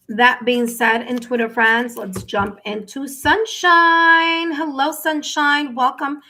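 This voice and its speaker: This high-voiced woman speaks slowly, her tone steady, bright and forceful. A tarot reader running a live stream, she talks chattily to her audience, says things more than once and keeps checking in with "okay?". She is a native English speaker who also speaks Spanish as a second language.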